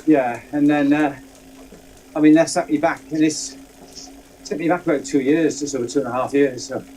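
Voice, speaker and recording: Guy in his 60s, mellow kinda warm voice, rambles on telling stories about himself, bit of hiss behind. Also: fairly high pitch, fairly even intonation, moderate pace, rough recording. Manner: rambling, self-deprecating storyteller. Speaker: guest. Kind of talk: casual chat. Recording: faint background noise.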